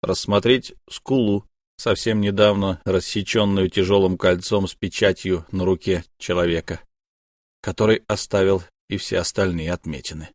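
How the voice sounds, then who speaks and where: A man narrating an audiobook in a measured, literary manner. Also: sits low, fairly even intonation, no room sound, studio quality.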